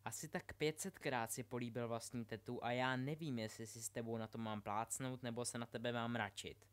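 A man's voice: mid-range voice, steady tone, close to an everyday voice. A man voicing a wry, uneasy teenage boy who mutters his remarks, in an audiobook reading.

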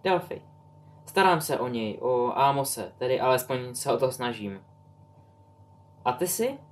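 A man's voice: mid-range voice, very animated, a little hiss or hum, close to an everyday voice. A man voicing a young woman in her twenties, an eager, talkative and tactless witch. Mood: cheerful.

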